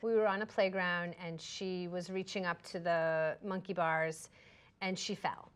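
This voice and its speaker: A woman who works as a craniosacral therapist, telling a story in a calm, reflective way during a casual conversation. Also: fairly low pitch, unhurried, clean tone.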